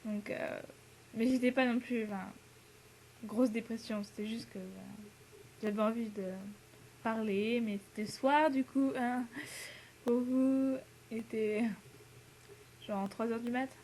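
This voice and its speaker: A woman's voice: fairly high pitch, fairly even intonation, measured pace, long pauses, darkish tone, slight background noise. A teenage girl from France, an exchange student, chatting casually to the camera with lots of fillers, laughs and English words mixed in. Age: teens.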